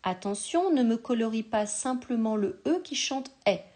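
A woman teacher giving a slow, patient spelling lesson to a young child, sounding out each syllable with care. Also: a little high, expressive, a little mellow.

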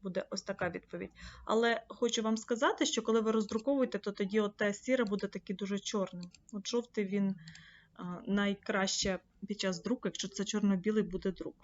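A woman's voice: mid-range voice, steady tone, brisk. A woman trainer teaching an online course, explaining a screen-share tutorial step by step and addressing viewers directly. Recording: slightly dull lo-fi mic.

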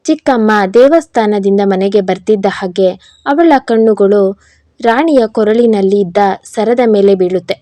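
Female storyteller, mellow tone, steady narration, dry close recording. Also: medium pitch, no room sound. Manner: calm, even storytelling, livelier in quoted lines. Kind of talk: scripted story narration with acted dialogue.

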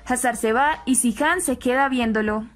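A woman narrating a recap of a soap-opera episode in a plain, steady way. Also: on the high side, normal speed.

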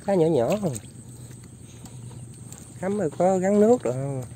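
Male vlogger, outdoor field narration, mellow low-key voice, faint insect noise behind; chatty, keeps talking to viewers. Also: lively intonation, a little slow. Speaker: outdoor fishing and trapping vlogger. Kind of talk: casual narration to viewers while working. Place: outdoors in flooded rice fields.

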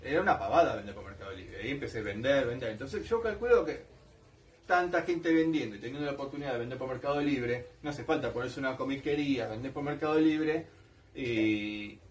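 A man's voice: mid-range voice, fairly quick, recorded from a distance. A man with an Argentine accent, rambling casually and nostalgically as a collector vlogger. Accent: Argentine Spanish. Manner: colloquial, nostalgic, repeats himself.

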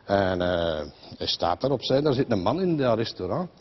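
A man's voice: lowish voice, very animated, moderate pace, husky, dull audio. A man with a Flemish accent telling a comic story in a rambling, chatty way, full of fillers and voices of the people in it. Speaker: comedian.

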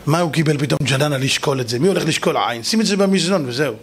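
A man, a rabbi, telling a story in a lively sermon, slangy and addressing his listeners directly. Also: fairly high pitch, breathy edge. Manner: animated, slangy, talks to the audience. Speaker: rabbi, preacher.

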